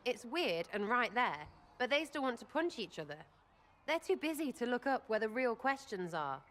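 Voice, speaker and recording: Voicing a video game companion, an actress plays a young woman archer who is blunt, sarcastic, crude and irreverent. Her flippant delivery is very animated and a bit bright, fairly high-pitched at a moderate pace.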